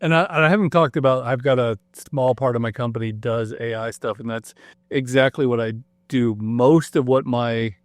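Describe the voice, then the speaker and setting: A man guesting on a podcast, explaining in a relaxed, agreeable way. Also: mid-range voice, normal speed, dry recording. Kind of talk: casual conversation.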